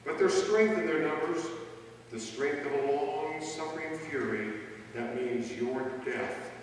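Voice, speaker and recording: A man playing a commanding, menacing avenger with theatrical, deliberate delivery in an old-time radio mystery. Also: a little high, close to an everyday voice. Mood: ominous. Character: the Shadow, commanding, menacing male avenger of crime. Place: large reverberant room, stage rehearsal. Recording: distant echoey hall, faint noise.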